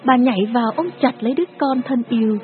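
A woman narrating a dramatic story in a steady, grave manner. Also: a little high, quick pace. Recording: tinny phone-like audio with music behind.

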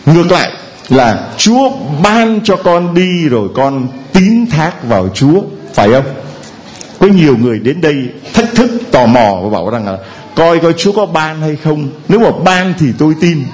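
Lively, playful male priest preaching. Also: on the high side, normal speed. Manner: playful and humorous, acting out quoted voices. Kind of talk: sermon to a congregation.

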